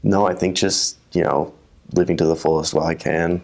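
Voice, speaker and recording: A man's voice: sits low, fairly even intonation, brisk, creaky, darkish tone. A young man from the USA talking casually as an interview guest, often restarting and repeating words. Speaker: guest, telemark ski racer.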